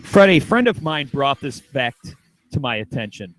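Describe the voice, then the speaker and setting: A man's voice: mid-range voice, very animated, moderate pace, a bit bright, no room sound, rough recording. A man hosting a talk radio show in casual chat, joking around and restarting his sentences a lot. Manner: joking, lots of restarts and stammers.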